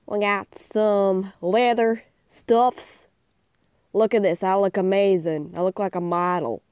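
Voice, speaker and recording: A woman's voice: mid-range voice, fairly even intonation, slow pace, darkish tone, clean tone, no echo. A teenage girl giving casual let's-play commentary, rambling and giggly with lots of "like" fillers, recorded on a phone mic. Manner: hyper and giggly. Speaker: gaming channel host. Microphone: phone screen recording mic.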